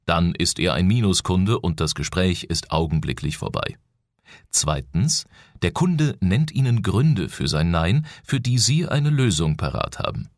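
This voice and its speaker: A man's voice: sits low, big pitch swings, measured pace, no room sound, clean studio sound. A man giving a persuasive, instructive, scripted narration of a self-help audiobook.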